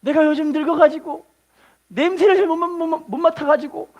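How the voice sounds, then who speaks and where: A woman preacher voices a loving old mother-in-law in a folk tale. She speaks in a high, halting voice that stumbles over her words. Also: steady tone, a little mellow, highs cut off, close to an everyday voice. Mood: fond.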